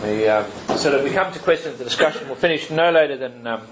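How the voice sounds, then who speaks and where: A man chairing a book talk, casual and halting, with many fillers and restarts. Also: medium pitch, expressive, background noise. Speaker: event chair. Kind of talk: casual hosting and Q&A. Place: lecture room with an audience.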